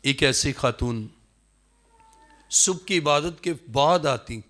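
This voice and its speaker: A man with a Pakistani Urdu accent preaching a sermon, emphatic, acting out the words of people in the story with swings in pitch. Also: fairly bright tone. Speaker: pastor.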